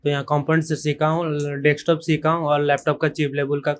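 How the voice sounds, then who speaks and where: A man's voice: on the high side, flat delivery, a little fast. A male student from Odisha giving short, hesitant answers. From Odisha, India.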